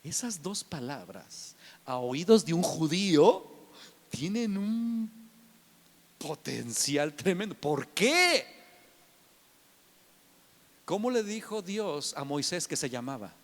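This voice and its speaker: A man preaching a sermon emphatically, swinging from shouts to hushed whispers. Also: on the high side, very animated, takes it slowly, pauses often, big-room sound.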